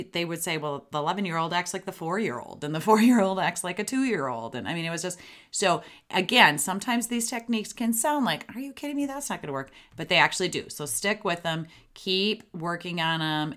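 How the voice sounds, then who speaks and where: Middle-aged lady coaching parents on her podcast, kinda low voice, chatty and animated. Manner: chatty, lively, acts out sample lines to kids. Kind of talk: solo podcast advice talk.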